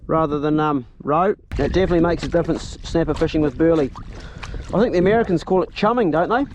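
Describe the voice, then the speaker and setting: A man's voice: on the high side, quick pace. A man with a broad New Zealand accent chatting casually as a fishing video host, blokey, sweary and matey. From South Island, New Zealand. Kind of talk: casual chat to companion and camera. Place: outdoors on the water while fishing. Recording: clear outdoor boat and water noise.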